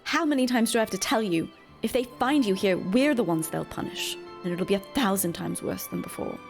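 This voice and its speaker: A woman's voice: fairly high pitch, huge pitch swings, fairly quick, soft background music, voice pushed up. A woman voicing a protective teenage boy from a video game, bitter and weary, with a grave, pleading delivery. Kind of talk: reading video game dialogue.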